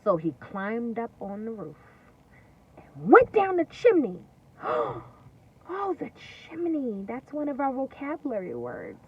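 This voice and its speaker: In a dull, faintly noisy lo-fi recording captured from a distance, a female teacher on the high side reads to small children. She delivers the story deliberately and expressively, stopping now and then for explanations and questions.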